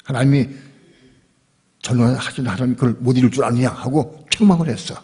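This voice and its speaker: A male pastor preaching a sermon at a church service, telling the story in a lively, conversational and emphatic way. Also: medium pitch, brisk. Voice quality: husky, gravelly.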